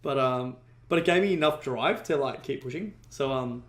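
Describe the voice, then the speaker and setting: This male podcast guest, an ecommerce entrepreneur, speaks at normal speed in a mid-range, fairly bright voice during a casual storytelling interview. Rambling and full of "like" fillers, he curses freely, and the recording echoes around the room.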